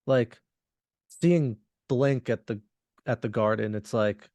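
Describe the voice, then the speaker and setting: A man co-hosting a podcast, chatting in a relaxed, rambling way and laughing often. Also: mid-range voice, slow, no room sound. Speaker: podcast co-host. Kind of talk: casual chat.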